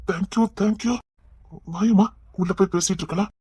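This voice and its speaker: Brief: woman playing a sly older man for an audio drama, wheedling, very husky, dry close sound. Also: medium pitch, steady tone, fairly quick, mellow, dry recording. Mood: coaxing. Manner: coaxing, wheedling, stammering. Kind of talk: Tamil audio drama acting.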